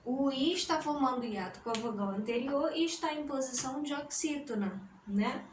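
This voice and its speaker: A woman teacher explains a grammar lesson, speaking deliberately and splitting words into syllables. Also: high-pitched, distant mic. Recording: roomy echo, voice from the mic, faint noise.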